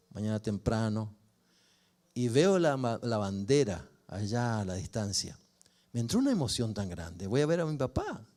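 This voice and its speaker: An older man, a pastor telling a personal story in a sermon with expressive rises and falls. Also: mid-range voice. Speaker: pastor and family counselor.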